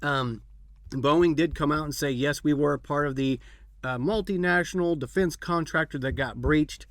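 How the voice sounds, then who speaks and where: A man's voice: fairly high pitch, moderate pace, a bit bright, no room sound, clean studio sound. A man hosting a podcast, chatting casually and rambling with fillers and restarts. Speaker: podcast host. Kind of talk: casual chat.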